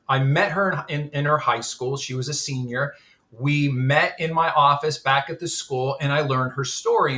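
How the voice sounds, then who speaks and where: Bright, earnest storytelling man. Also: medium pitch. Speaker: guest, admissions executive. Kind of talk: casual webinar interview.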